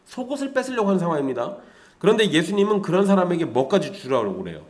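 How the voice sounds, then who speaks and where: A man's voice: sits high, very animated, quick pace. A male pastor giving a conversational Sunday sermon, asking the congregation rhetorical questions and explaining scripture.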